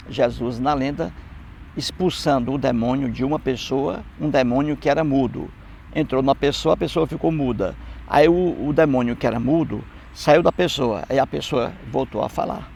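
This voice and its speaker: A Brazilian man talks through scripture with open scorn, circling back to repeat his points. His mid-range voice is rough and gravelly. Faint background noise sits under the speech. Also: medium pitch, darkish tone. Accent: Brazilian Portuguese. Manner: scornful, repeats phrases for emphasis. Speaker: atheist commentator. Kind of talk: mocking Bible commentary.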